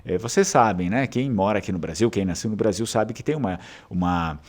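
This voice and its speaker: Fairly quick and lowish in pitch, with a darkish tone, this man from southern Brazil runs his channel in loose, rambling conversation full of fillers and restarts, his accent southern Brazilian Portuguese.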